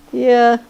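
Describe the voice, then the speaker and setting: Tired hoarse lady rambling on a drawing stream, gravelly, kinda slow. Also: high-pitched, darkish tone, dull audio. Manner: rambling, chuckles often. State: hoarse, losing her voice; sleepy. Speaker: livestreaming digital artist. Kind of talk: casual livestream chat while drawing.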